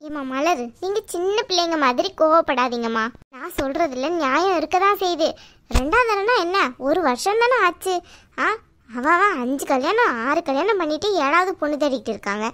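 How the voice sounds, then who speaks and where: A woman's voice: high voice, lively intonation, moderate pace, a bit bright. A woman voicing a pushy cartoon auntie matchmaker. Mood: defensive. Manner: coaxing, insistent, talks at length. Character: chatty middle-aged village auntie, pushy matchmaker. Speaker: married neighbour acting as matchmaker. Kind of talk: cartoon voice acting.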